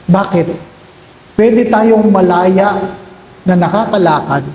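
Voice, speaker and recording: A middle-aged priest preaches in a high voice with slow, deliberate phrasing. He repeats his key lines for emphasis. The sound is roomy, with long church reverb and a faint hum of ambience behind him. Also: warm tone. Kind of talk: sermon.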